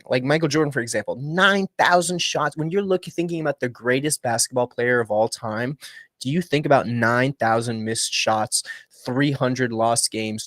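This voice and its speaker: Young male stream host, mid-pitched, upbeat and rambling, dry close sound. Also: no echo. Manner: rambling, upbeat, restarts often and shifts between hushed and loud. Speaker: livestream host. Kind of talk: casual motivational livestream talk.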